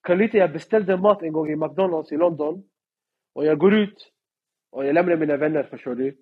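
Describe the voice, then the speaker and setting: A man's voice: fairly high pitch, husky, phone-quality sound. A young man from Sweden with a Swedish street-slang accent, telling a story in casual chat and acting out the people in it. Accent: Swedish suburban street slang. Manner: animated, slangy, mimics people in English. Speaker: guest storyteller.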